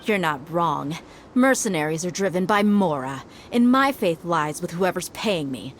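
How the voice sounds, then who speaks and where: A woman with a lowish, expressive voice speaks unhurriedly, with a slight hiss or hum in the audio. She voices a confident female desert mercenary in a video game cutscene, sounding smug, cocky, teasing and laid-back.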